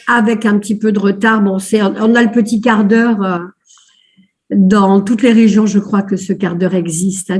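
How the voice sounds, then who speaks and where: A woman life coach leading a live online coaching webinar over a video call, upbeat and chatty, often repeating words of praise between fillers. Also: medium pitch.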